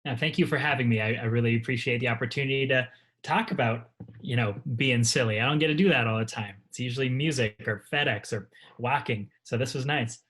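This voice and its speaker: A man's voice: mid-range voice, brisk, fairly bright tone. A man who is a guest musician, talking casually in a hesitant, reflective way with many ums and restarts. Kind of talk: casual interview chat.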